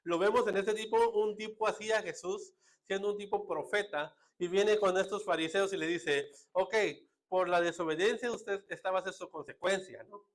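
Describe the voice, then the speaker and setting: A man's voice: sits high, moderate pace. A man with a northern Mexican accent preaching a sermon as a pastor, in a casual, joking way full of rhetorical asides. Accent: northern Mexican Spanish.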